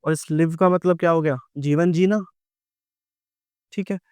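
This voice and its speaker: A man's voice: fairly high pitch, steady tone, unhurried, a little mellow, smooth, dry recording. A middle-aged man with an Indian English accent gives an exam-prep grammar lecture. He explains patiently, keeps checking in with his students, and asks them questions that he then answers himself.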